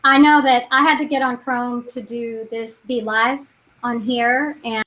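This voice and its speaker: A middle-aged woman on a video call with a high, bright voice. She reads out viewer questions in a friendly way and laughs easily. She sounds like a co-host of a live panel. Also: fairly even intonation, a little slow, low-quality recording. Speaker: co-host of an online training panel.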